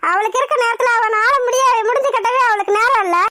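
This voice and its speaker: A performer voicing a sharp-tongued old grandmother in a cartoon who gossips and needles. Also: very high voice, quick pace. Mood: sly. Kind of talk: cartoon voice acting.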